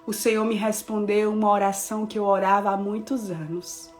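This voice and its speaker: A woman pastor in her thirties preaching a devotional message, telling a personal story with lively, expressive delivery and speaking straight to her listeners. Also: medium pitch, moderate pace, soft background music. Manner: expressive storytelling, acting out dialogue, addressing listeners directly.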